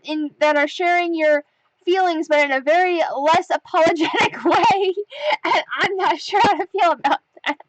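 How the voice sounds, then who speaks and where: A young woman with a high voice chats casually while reading fan comments on her comic. She is lively and giggly, and she slips into playful voices for some of the lines. The sound is close and dry. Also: no room sound, rough recording. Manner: animated, laughs often, reads comments aloud with playful voices. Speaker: webcomic artist reading comments. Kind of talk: casual chat.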